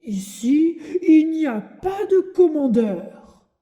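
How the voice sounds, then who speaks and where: A woman voicing a gruff, bearded male puppet master in an audiobook, stern yet softhearted. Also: high-pitched, big pitch swings, slow pace, soft background music, full character voice. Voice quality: gruff, sneezing. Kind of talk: audiobook character reading.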